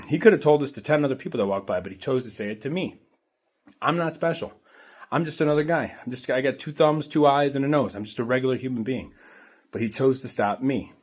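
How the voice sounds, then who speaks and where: A man's voice: medium pitch, a little fast, breathy edge. A man, middle-aged, telling a personal story to his viewers in a rambling, earnest way, often repeating phrases. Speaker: vlogger. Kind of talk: casual storytelling to camera.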